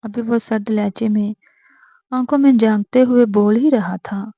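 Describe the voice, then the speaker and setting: Mellow-voiced woman narrating a romance novel. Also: fairly high pitch, no echo. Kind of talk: scripted narration. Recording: dull lo-fi home mic.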